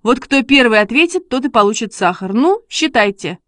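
A woman's voice: on the high side, lively intonation, moderate pace, a bit bright, no echo, clean studio sound. Woman doing an eager, bossy schoolboy. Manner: eager, coaxing, exclaiming. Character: eager excitable schoolboy, bossy dog trainer. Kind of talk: storybook reading.

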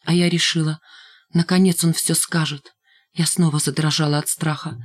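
A woman reads a story aloud in a measured, steady narration. Her voice sits somewhat low for a woman, and she keeps an even storytelling manner throughout. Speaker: audiobook reader. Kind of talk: scripted narration.

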